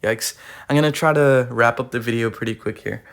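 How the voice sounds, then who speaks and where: A young man giving casual, slangy gaming commentary while ranking cards, full of fillers, his voice going a bit hoarse, recorded on a tablet. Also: mid-range voice, brisk, a bit bright. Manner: rambling, slangy, filler-heavy. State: losing his voice. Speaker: gaming YouTuber. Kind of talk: casual tier-list commentary. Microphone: iPad recording.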